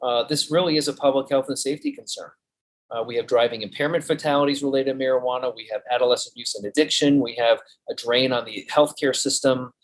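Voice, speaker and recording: Male physician guest, mid-pitched voice, steady and methodical. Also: fast, low-quality recording. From Colorado. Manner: steady, lists figures methodically. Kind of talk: interview.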